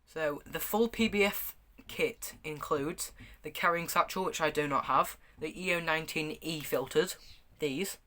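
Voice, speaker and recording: A man's voice: a little high, unhurried, few pauses, sharp tone. A man giving a casual, hands-on product review, speaking in a stop-start, hesitant way with repeated words. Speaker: gas mask reviewer. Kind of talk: casual product review, showing items to camera.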